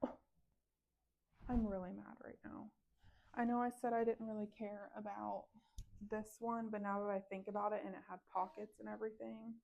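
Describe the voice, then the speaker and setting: A woman's voice: medium pitch, little pitch movement, brisk, vocal fry, darkish tone. A woman, chatting to the camera while she sews and muttering her frustration to herself and her viewers. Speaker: sewing vlogger. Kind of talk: casual chat to camera while sewing. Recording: dull lo-fi sound.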